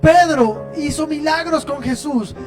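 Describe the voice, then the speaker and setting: High-voiced preacher. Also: male voice, a little slow, faint music behind. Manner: impassioned, swings between loud emphasis and hushed lines. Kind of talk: sermon. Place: church service.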